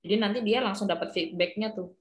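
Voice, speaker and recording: A woman's voice: medium pitch, fast talker. A woman teacher trainer giving a casual briefing, explaining with worked examples and many fillers.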